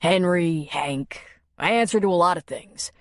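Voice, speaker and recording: A woman's voice: fairly low pitch, unhurried, no room sound, clean studio sound, close to an everyday voice. A woman reading a clipped, plainspoken man. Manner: casual, clipped, matter-of-fact.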